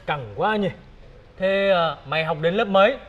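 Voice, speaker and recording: Brief: man as a dry, teasing wealthy friend, fairly high voice. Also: normal speed, dull audio, a little hiss or hum, natural voice. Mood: mocking.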